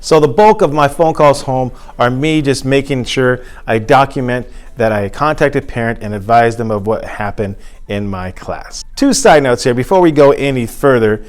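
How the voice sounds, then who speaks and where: Here the male teacher talks at a normal speed with few pauses, his pitch sitting in the middle range. It's an informal, conversational instructional talk, and he repeats phrases for emphasis.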